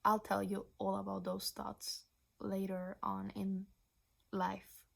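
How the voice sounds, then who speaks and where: A nineteen-year-old woman from Venezuela chatting casually as a book vlogger, rambling with restarts and slipping into breathy whispered asides. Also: medium pitch, monotone, takes it slowly. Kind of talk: casual chat.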